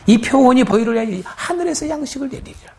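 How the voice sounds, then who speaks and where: A man's voice: very high-pitched, lively intonation, quick pace, vocal fry, darkish tone, a little hiss or hum. A male pastor preaching a sermon, emphatic and repetitive, asking his listeners rhetorical questions.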